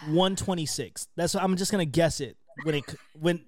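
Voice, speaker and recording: A man's voice: sits high, normal speed, dry recording. Joking man in his late twenties. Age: 20s. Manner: joking, teasing, animated. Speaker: podcast host. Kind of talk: casual chat.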